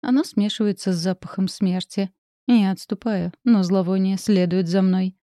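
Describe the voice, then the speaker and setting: Brief: woman audiobook narrator, measured and tense, warm dark tone. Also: medium pitch, steady tone, no echo, clean studio sound. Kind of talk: first-person audiobook narration.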